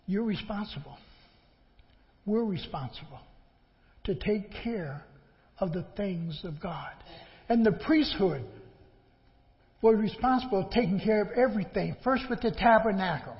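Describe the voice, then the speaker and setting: High-voiced man lecturing in a church sermon. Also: expressive, unhurried, pauses often. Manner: lecturing and admonishing, with repeated phrases and rhetorical questions. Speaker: preacher. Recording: muffled, in a large reverberant hall.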